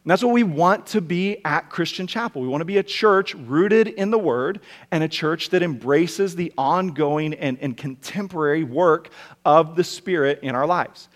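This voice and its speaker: A man's voice: a little high, normal speed. A man preaching a sermon as pastor, talking conversationally with bits of humor and frequent restarts.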